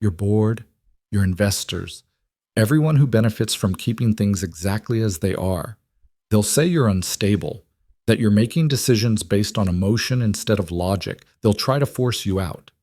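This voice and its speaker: A man voicing a passionate, resolute professional woman in a read-aloud story, earnest and measured. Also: lowish voice, expressive, darkish tone, dry recording, studio quality. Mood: worried.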